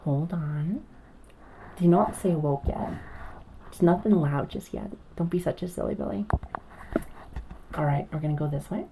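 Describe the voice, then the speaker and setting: Low, creaky ASMR woman, right in your ear. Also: moderate pace. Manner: soft close-up talk right in the listener's ear, often slipping into whispers; playful, gently silly. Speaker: ASMR live streamer. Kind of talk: ASMR, casual chat with stream viewers. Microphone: close ASMR microphone. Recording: clear background noise and clicks.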